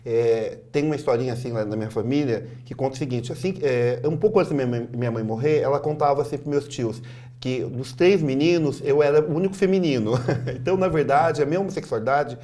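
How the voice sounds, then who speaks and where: A Brazilian man speaks as an interview guest, recounting hard memories in a halting way. He pauses often, and his sentences trail off softly. His voice sits at a middle pitch and sounds ordinary and unadorned. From Sorocaba, Brazil. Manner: hesitant, halting, with many fillers and trailing off softly. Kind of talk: personal testimony in an interview.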